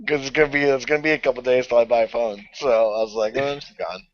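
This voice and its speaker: Man, mid pitch, very lively delivery, giggly co-host, lo-fi sound. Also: no room sound. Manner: excitable, laughs a lot. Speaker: podcast co-host. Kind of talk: casual chat.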